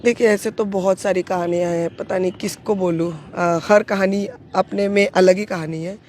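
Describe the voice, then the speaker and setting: A woman who rescues trafficked girls tells stories in an interview, earnest and halting, often restarting her sentences. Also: medium pitch, fairly even intonation, a little mellow, a little hiss or hum. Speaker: anti-trafficking rescue worker. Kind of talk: storytelling interview answers.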